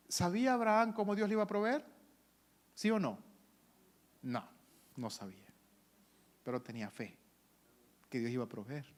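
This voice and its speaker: Male pastor preaching, fairly high pitch with a lively swinging delivery, acts out story voices. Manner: animated preaching that swings from loud to hushed. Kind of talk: sermon.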